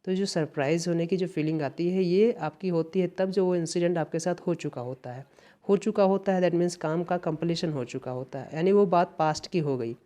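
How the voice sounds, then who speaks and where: A man's voice: on the high side, a little fast, mellow. A man with an Indian accent teaching an exam-prep English lesson, explaining patiently and repeating key phrases. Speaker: English teacher for competitive exams.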